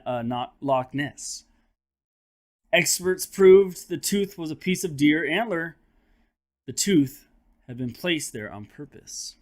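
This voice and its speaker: Reading from a nonfiction book for children, a male third-grade teacher with a slightly high voice talks directly to the kids listening. He is expressive and sounds every bit the teacher.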